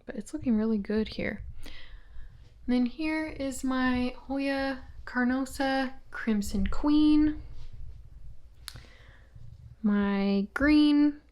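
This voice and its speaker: A breathless woman vlogs a casual houseplant tour of her small old house, calling out each plant as she walks and sometimes whispering. Her high-pitched voice has a darkish tone, and she draws out her words and pauses often.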